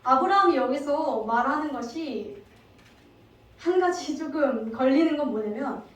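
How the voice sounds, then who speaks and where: A woman evangelist giving a sermon, telling the story lively and asking the congregation many questions. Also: high voice, unhurried. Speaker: evangelist preacher. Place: church sanctuary. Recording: very echoey hall, distant mic.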